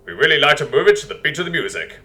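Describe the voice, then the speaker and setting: A man's voice: on the high side, very animated, very fast, bright, forceful tone, voice pushed up, heavily acted. A man voicing a flamboyant, slightly mad, party-loving lemur king with a showy, exuberant manner. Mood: exuberant, festive.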